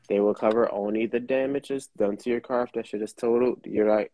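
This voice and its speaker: A man's voice: fairly low pitch, darkish tone, no room sound. A man hosting a casual chat, explaining things in a blunt, profane, laid-back way. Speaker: host.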